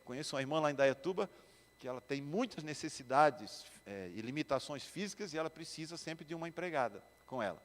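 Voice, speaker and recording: A man with a Brazilian Portuguese accent preaches a sermon in a somewhat high voice. He drops into low, quiet asides and then climbs to loud, fervent declarations. His voice rings with the long reverb of a large hall. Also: lively intonation, brisk. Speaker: pastor. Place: church hall.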